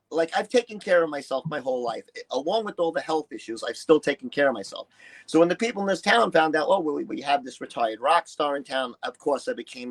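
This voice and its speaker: The recording is rough, and the man's voice sits on the high side with some brightness. An early-60s New Yorker and former musician and bodybuilder, he's candidly telling personal stories as an interview guest, swearing freely, blunt and emphatic, mimicking what others said.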